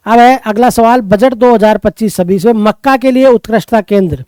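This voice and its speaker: A male tutor with a Rajasthani Hindi accent works through exam questions, posing each one and answering it himself. His voice sits high and comes across smooth and crisp. The sound is close and dry, with no room echo. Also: mellow. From Rajasthan, India. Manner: brisk quizzing, answers his own questions. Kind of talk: exam paper walkthrough lesson.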